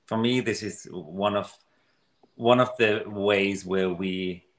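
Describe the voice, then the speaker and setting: A man giving an earnest, animated motivational talk in a casual conversation. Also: fairly low pitch, takes it slowly, echoey room. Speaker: guest speaker on money mindset.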